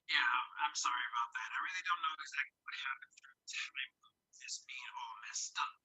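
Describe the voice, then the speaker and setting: A man's voice: mid-range voice, fairly even intonation, a little fast, pushed and bright, husky. A man co-hosting a casual local talk show over a remote line, his voice tinny and metallic like it is coming through a tin can, rambling with many fillers. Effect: tinny, metallic, garbled audio like a tin can. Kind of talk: casual chat.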